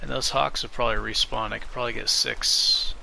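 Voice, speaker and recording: A man doing casual solo game commentary, thinking out loud as he plays. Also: mid-range voice, fairly even intonation, a little fast, vocal fry, a little hiss or hum, low-quality recording. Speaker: gaming streamer.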